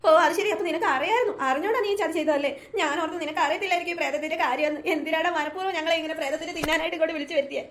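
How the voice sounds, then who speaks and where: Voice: high voice, very fast, hardly any pauses, fairly bright tone, slight background noise. A performer voicing a young woman in a cartoon ghost story, scared and accusing her friend in an emotional rush.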